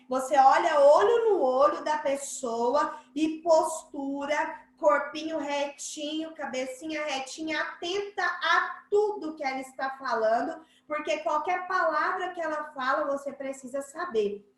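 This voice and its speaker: A woman's voice: high-pitched, a little slow, hardly any pauses, echoey room, rough recording. Playful Brazilian woman teaching a class. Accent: Brazilian Portuguese. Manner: playful, acts out examples in shifting voices. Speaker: schoolteacher. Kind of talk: online class explanation to children.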